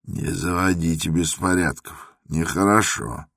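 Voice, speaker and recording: A man voicing a rough, stern male hospital guard who speaks in curt, admonishing phrases, in a radio drama. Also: sits low, lively intonation, takes it slowly, no room sound, studio quality, heavily acted.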